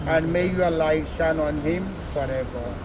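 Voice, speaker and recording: A man reciting solemn graveside funeral prayers as a priest, in a measured, formal way. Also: a little high. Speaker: priest leading funeral rites. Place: outdoors at a cemetery. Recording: noisy outdoor ambience with traffic.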